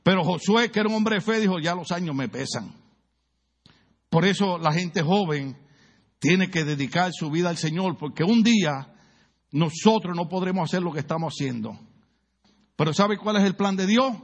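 A man's voice: sits high, moderate pace. A middle-aged man with a Puerto Rican accent preaching a humorous sermon, telling stories, acting out voices and asking the congregation questions. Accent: Puerto Rican Spanish. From Puerto Rico. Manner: storytelling, asks the congregation questions, acts out voices. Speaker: pastor.

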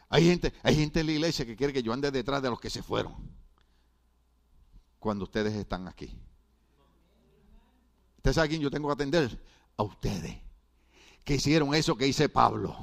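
A man's voice: mid-range voice, lively intonation, moderate pace, vocal fry, long pauses. A middle-aged man preaching a sermon as a pastor, acting out quoted dialogue and asking the congregation questions. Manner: asks the congregation questions, call and response.

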